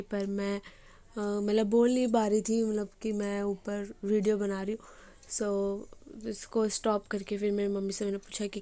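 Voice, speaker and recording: A young woman with a hoarse voice, chatting casually as she narrates her day in a home vlog. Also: mid-range voice, dark tone. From Bengali family. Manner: chatty, rambling with fillers. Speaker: vlogger.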